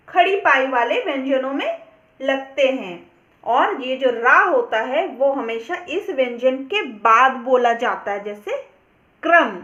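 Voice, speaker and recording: A woman teacher explaining a grammar lesson step by step, slowly working through examples. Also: high voice, sharp tone. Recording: echoey, dull lo-fi room recording.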